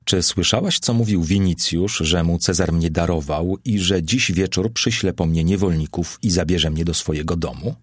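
A man's voice: low-pitched, normal speed, few pauses, breathy edge, no room sound, clean studio sound. A man voicing a desperate, devout young noblewoman in an audiobook, pleading and anguished. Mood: despairing.

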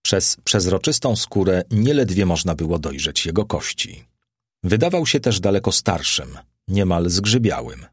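A man narrating an audiobook of a classic novel with an expressive, dramatic reading. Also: low-pitched, unhurried, breathy edge, no room sound, clean studio sound.

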